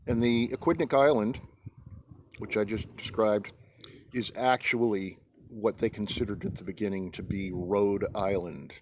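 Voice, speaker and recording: An American man from New England talking casually and haltingly as he hosts a vlog outdoors on a deck. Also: on the low side, fairly even intonation, slight background noise. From New England, United States. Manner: halting, with pauses mid-sentence. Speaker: pipe-smoking video host. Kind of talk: casual rambling vlog monologue. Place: outdoors on a deck in a light breeze.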